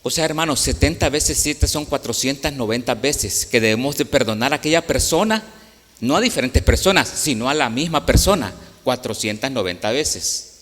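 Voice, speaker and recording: A man's voice: mid-range voice, animated, moderate pace, a bit bright. A man preaching a sermon, speaking earnestly and directly to the congregation in a church. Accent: Latin American Spanish. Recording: echoey hall with long reverb.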